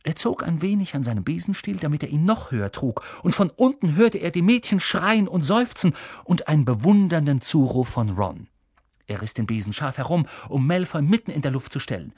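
A male audiobook reader narrating with animated delivery. His voice sits a bit high and moves lively through its range. The sound is dry and close to the mic. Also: fairly quick, husky, no room sound. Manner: animated storytelling. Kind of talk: scripted narration.

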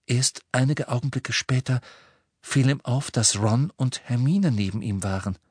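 A man reading an audiobook aloud with measured, dramatic storytelling. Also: mid-range voice, a little mellow, husky, no room sound. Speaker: audiobook reader. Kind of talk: scripted narration. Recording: dry close studio sound.

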